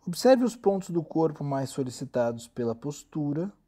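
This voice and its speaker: This man, a yoga teacher with a Brazilian accent, talks listeners through relaxation at a moderate pace. His voice runs a little high, and his delivery is calm, soothing and gently guiding.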